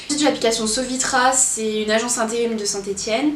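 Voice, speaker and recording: A woman's voice: a little high, fairly even intonation, brisk. Chatty young woman in an echoey room. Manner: chatty, rambling with many fillers. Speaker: vlogger. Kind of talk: casual chat. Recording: echoey room, from a distance, faint noise.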